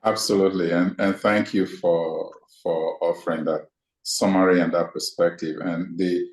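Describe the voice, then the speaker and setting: A man, a guest scholar answering interview questions in a measured, reflective way. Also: deep voice, little pitch movement. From Nigeria. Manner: measured, thoughtful, deliberate. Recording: echoey room sound.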